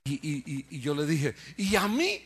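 Bright-voiced man telling a joking testimony. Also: a little high, wildly swooping pitch, measured pace, slightly rough. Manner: acts out quoted voices, jokes and laughs at himself. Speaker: preacher giving his testimony. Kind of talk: humorous testimony storytelling.

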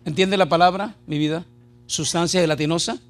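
Gravelly-voiced joking preacher man. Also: a little high, a little fast. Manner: animated, jokey, shouts and laughs at times. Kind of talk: lively sermon with jokes and anecdotes.

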